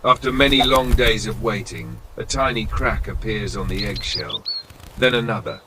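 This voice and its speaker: Male, nature documentary narrator, low pitch, solemn delivery, expressive swings, measured phrases, loud bird and insect ambience. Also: background noise. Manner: solemn, dramatic, short measured phrases with weighted pauses.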